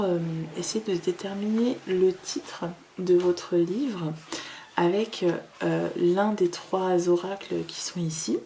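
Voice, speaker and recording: A woman giving a card-reading guidance in a calm, hesitant way, with many fillers, seated at a table with her cards. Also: on the low side, slight background noise. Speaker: tarot reader.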